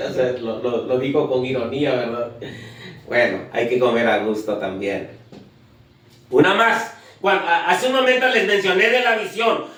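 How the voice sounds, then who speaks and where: A man preaches a sermon with a high, lively voice that jumps up and down. He quizzes the congregation and counts off his points one by one. He is heard from a distance in a very echoey church. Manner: asks the congregation questions, lists points.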